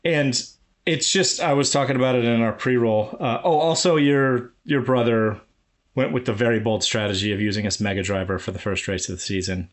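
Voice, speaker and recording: A man's voice: mid-range voice, a little fast. A man co-hosting a podcast in casual chat. He is chatty, laughs easily and leads the segments. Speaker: podcast co-host.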